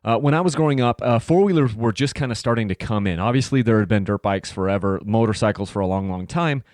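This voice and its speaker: Male podcast host, late 30s, lowish voice, loose rambling delivery; dry close mic. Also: expressive, fast, a little mellow, no echo. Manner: rambling, many fillers and restarts. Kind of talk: casual solo podcast talk.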